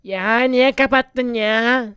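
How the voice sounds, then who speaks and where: A man voicing a tough, threatening hamster gang thug in a game video, speaking in gruff threats. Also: very high-pitched, slow pace, sharp tone, no room sound, heavily acted. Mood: menacing.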